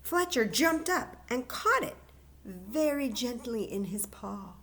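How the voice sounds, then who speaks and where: This woman, pitched a little high, reads a children's story aloud at a library story time and takes it slowly. She is expressive throughout and chats with the kids, drawing them in with coaxing questions.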